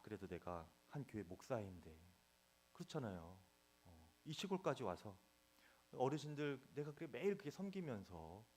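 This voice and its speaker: Animated Korean pastor telling a story. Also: male voice, mid-range voice. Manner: animated storytelling, acting out quoted shouts. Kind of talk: sermon with storytelling. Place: church sanctuary.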